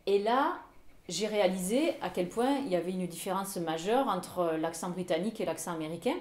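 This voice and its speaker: A woman's voice: fairly low pitch, a little fast, darkish tone, roomy sound. A woman teaching English pronunciation in French, telling a story and repeating example words, with many hesitant fillers. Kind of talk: anecdote and pronunciation lesson.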